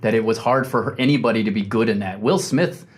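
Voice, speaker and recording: A man co-hosting a podcast in casual chat, relaxed and chuckling as he recounts things. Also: on the low side, fast, husky. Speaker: podcast co-host.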